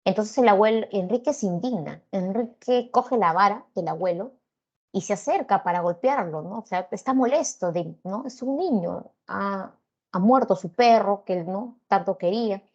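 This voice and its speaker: A woman's voice: medium pitch, moderate pace. A woman teacher with a Peruvian accent, retelling a story in class in a conversational way, often checking in with her listeners. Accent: Peruvian Spanish. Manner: conversational, frequent tag questions. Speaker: literature teacher. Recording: dull lo-fi class recording.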